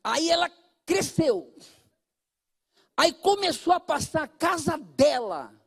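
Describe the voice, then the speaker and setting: A Brazilian Portuguese-accented man preaching a sermon as pastor, talking straight to his congregation and swinging between loud calls and hushed asides. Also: very high-pitched, sing-song, takes it slowly.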